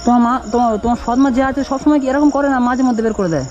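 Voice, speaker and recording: An adult outdoors at night by a road, coaxing a lost child with quick, repeated questions. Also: medium pitch, steady tone, darkish tone, highs cut off, soft background music. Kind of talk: casual unscripted night vlog.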